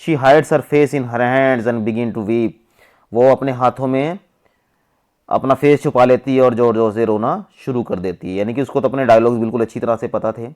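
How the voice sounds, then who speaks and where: A male teacher from India, with an Indian English accent, reads English lines slowly and then explains them in Hindi. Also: mid-range voice, darkish tone.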